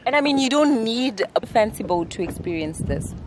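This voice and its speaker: A young woman in her twenties, fairly high-pitched and speaking at a moderate pace, exclaims to viewers of her travel vlog amid heavy background noise. She films from a lake boat outdoors with a handheld camera at arm's length, lively and chatty throughout.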